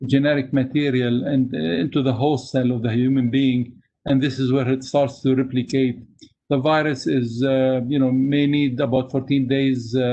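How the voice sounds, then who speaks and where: A man presenting to a webinar over slides, halting, with many fillers and restarts, heard over a video call. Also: mid-range voice, warm tone, slight background noise. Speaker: webinar speaker for an engineering society. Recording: dull lo-fi webinar audio.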